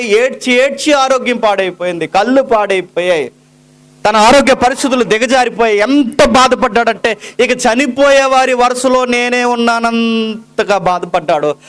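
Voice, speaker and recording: Male preacher, higher voice, fervent dramatic sermon delivery. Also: normal speed, a bit bright. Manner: impassioned, dramatic, quotes sufferers in a low pleading voice. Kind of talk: Telugu sermon.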